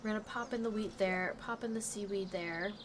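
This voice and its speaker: Still shaking off a cold, this gaming channel host sounds slightly nasal as she gives casual let's play commentary, chatting with the characters on screen. Her mid-range voice moves briskly. There's background noise along with the game music.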